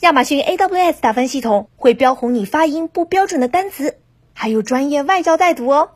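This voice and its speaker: High-voiced woman reading a dry promo. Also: animated, brisk, no echo. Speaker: announcer. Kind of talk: scripted promo read.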